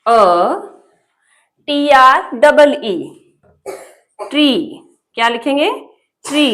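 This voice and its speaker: A woman's voice: high voice, fairly bright tone. A woman teacher, spelling English words letter by letter and reading them out for learners. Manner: spells letter by letter, then says the word, asks the viewer.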